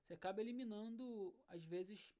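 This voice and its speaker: A woman's voice: mid-range voice, moderate pace, warm tone. A woman teaching an online music lesson, explaining step by step and checking in with her students. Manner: explanatory, checks in often with "né?" and "tá bom?". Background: faint acoustic guitar.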